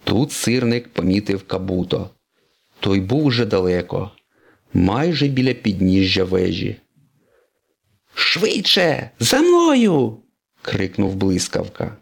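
A man's voice: low-pitched, a little slow, vocal fry, darkish tone. A man reading a children's storybook aloud, narrating expressively.

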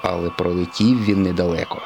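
A man narrating a children's storybook in an expressive read-aloud manner. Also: deep voice, fairly quick, vocal fry, faint music behind.

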